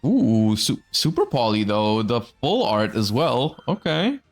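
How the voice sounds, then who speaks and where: A man's voice: medium pitch, sing-song, unhurried, soft background music. A man hosting and commentating a live card game tournament in a conversational, explanatory announcer manner.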